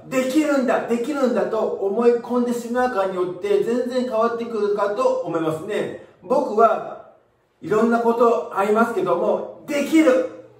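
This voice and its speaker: High-voiced, emphatic man in an echoey room. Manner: energetic, emphatic, repeats phrases. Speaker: motivational video host. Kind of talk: motivational talk. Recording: echoey room, distant from the mic.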